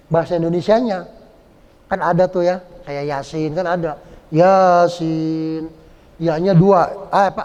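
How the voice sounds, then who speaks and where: A man teaching Quran recitation rules, explaining patiently, repeating words and chanting verses slowly. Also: high-pitched, darkish tone. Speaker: Islamic teacher. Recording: dull lo-fi sound.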